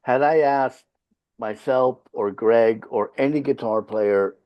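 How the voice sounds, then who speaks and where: His medium-pitched voice moves at a slow pace, with the highs cut off. He's a Swedish-speaking rock band leader from Finland chatting casually as a podcast guest, blunt and profane, telling emphatic stories that hammer his points home.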